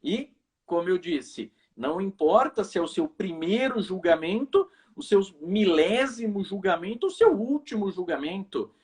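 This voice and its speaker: Um professor de direito brasileiro apresentando uma live, falando de forma pausada e cortês. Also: male voice, high-pitched, lively intonation, a little mellow, slightly rough. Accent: Brazilian. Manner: measured, courteous. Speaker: host, law professor. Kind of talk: live video chat. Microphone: video call.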